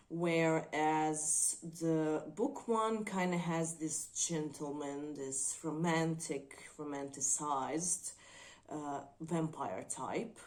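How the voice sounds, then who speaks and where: Woman doing a movie review vlog, lowish voice, thinks out loud, lots of pauses. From Croatia. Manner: thoughtful, hesitant, frequent filler pauses. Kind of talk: unscripted video commentary.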